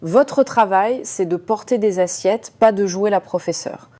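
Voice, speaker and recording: A woman voicing an arrogant rich man who bullies and shouts at a waitress, in an audio story. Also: medium pitch, moderate pace, close to an everyday voice. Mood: bitter. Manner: shouting, mocking, imperious.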